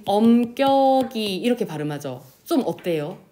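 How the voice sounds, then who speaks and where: A woman teacher giving a classroom lesson, asking questions and answering them herself, and drawing out example words slowly. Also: mid-range voice, soft background music. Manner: lively, pronounces example words slowly and drawn out. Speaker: Korean language teacher. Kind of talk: classroom lecture.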